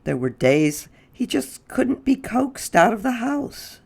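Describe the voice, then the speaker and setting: A storyteller narrates a picture book in a mid-pitched voice with gravelly fry. The read-aloud delivery is expressive and deliberate.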